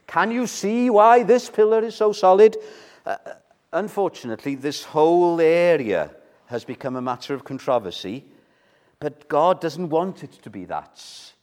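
A man preaching an evening sermon at a pulpit microphone. He is earnest, swelling to loud emphasis and then dropping low. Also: expressive, moderate pace.

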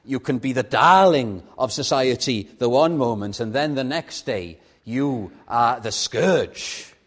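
A native Welsh speaker from Wales preaches a sermon in a Welsh accent, speaking in a measured, expressive way with a medium-pitched voice. He poses rhetorical questions to his congregation.

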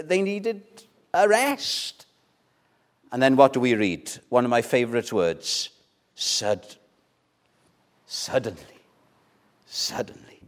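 This older man from Wales, a pastor who speaks Welsh, delivers a conversational sermon full of rhetorical questions and repetition. His voice sits on the high side. It swells broadly, then sinks to near whispers.

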